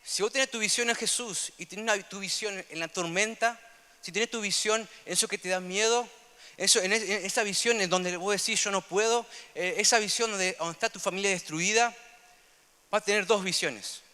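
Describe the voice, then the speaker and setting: Young man, Rioplatense accent, preaching; high, sharp voice with a long reverb tail. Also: moderate pace, clean tone. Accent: Rioplatense Spanish. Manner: earnest, repetitive, swings between loud emphasis and soft asides. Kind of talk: sermon.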